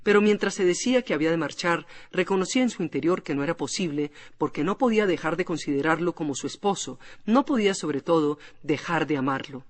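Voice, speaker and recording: Man narrating a classic novel, high voice. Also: fast talker, hardly any pauses. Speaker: audiobook narrator. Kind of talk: scripted literary narration. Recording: long hall reverb.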